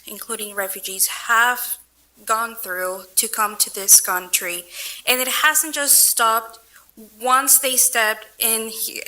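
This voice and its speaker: A woman's voice: fairly high pitch, pushed and bright, poor audio. A woman advocacy specialist giving an earnest public comment at a city council meeting.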